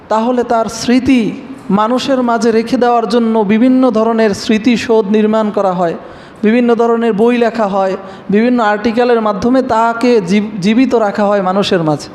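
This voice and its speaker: High-voiced man giving a sermon. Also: darkish tone. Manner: quotes Arabic verses, then explains them. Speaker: Islamic preacher. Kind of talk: religious lecture. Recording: faint noise, long hall reverb.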